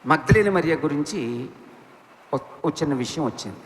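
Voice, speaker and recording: A man preaches with fervor, his high voice leaping up and down as he piles on rhetorical questions. He drops to quiet, low lines, then surges back loud. The sound rings with echo in a large hall. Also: lively intonation, normal speed. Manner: impassioned, rhetorical questions, swings between loud and soft. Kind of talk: sermon. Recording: echoey hall with faint ambience.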